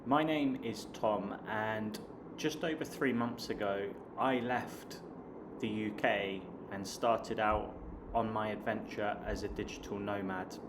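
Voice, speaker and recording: His voice sits on the low side, with fairly even intonation, a slow pace and hardly any pauses. He's a late-thirties online English teacher and vlogger from Hampshire with a southern English accent, chatting casually to camera and calling viewers "guys." Background noise is clearly audible.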